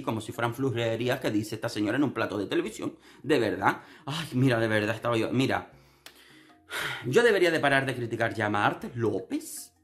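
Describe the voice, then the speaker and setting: Young Canarian man, sarcastic reality-TV gossip commentator, average pitch, theatrical delivery. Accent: Canarian Spanish. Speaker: TV commentary vlogger.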